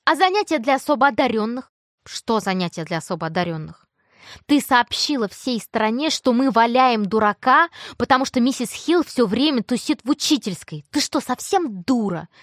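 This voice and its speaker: A woman voicing a sharp-tongued teenage girl who scolds and snaps. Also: fairly high pitch, expressive, moderate pace, no echo, studio quality, voice pushed up, close to an everyday voice. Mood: angry scolding. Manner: snapping, accusing.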